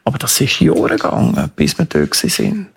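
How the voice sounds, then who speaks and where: A man's voice: extremely low pitch, huge pitch swings, fairly quick, creaky, husky. A man with a Swiss German accent giving earnest, emphatic interview answers as a campaigner, often ending on tag questions. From Switzerland.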